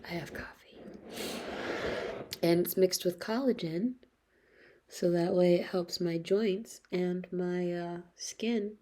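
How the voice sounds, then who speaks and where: A woman in her late twenties talking slowly and reflectively in a personal video diary, hesitant, her husky voice often sinking to a whisper. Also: fairly low pitch. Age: 20s. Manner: slow, reflective, hesitant, with soft laughs. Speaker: vlogger.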